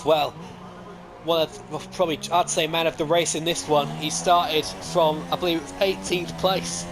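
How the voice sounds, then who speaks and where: Live over a simulated race, a sim racing league commentator with a high-pitched voice gets excited easily, leaping up in pitch whenever cars collide or overtake. Clear music runs beneath him as he rambles off on tangents and fixes his own slips mid-call.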